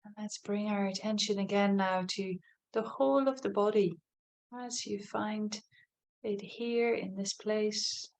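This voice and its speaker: A meditation teacher guides a body scan, speaking gently and unhurriedly in soft invitations with long pauses. Her voice is mid-range with a steady tone.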